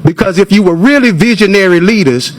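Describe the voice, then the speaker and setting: A forty-year-old American man with a high-pitched, animated voice speaks fairly quickly, giving impassioned testimony before a committee. His delivery is emphatic, confrontational, and oratorical. He is captured on a hearing microphone in a government committee hearing room.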